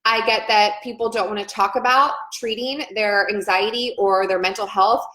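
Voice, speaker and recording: A woman's voice: mid-range voice, fairly even intonation, normal speed, a bit bright. A woman in her thirties, a nurse, sharing her own story earnestly and emotionally, repeating phrases as she goes. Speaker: nurse and vlogger. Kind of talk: personal testimony vlog. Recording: echoey room.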